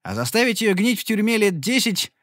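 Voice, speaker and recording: A male audiobook narrator reading a first-person fantasy story with a lively, swinging pitch. His delivery is expressive and often exasperated, and his voice sits a little high for a man. The sound is dry and close, with no room sound. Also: fairly quick, no echo.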